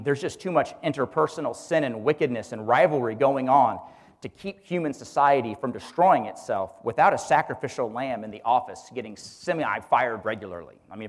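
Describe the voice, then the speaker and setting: A man who is a teacher gives a religious teaching talk to a group, asking rhetorical questions and calling on listeners by name. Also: mid-range voice. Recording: long hall reverb.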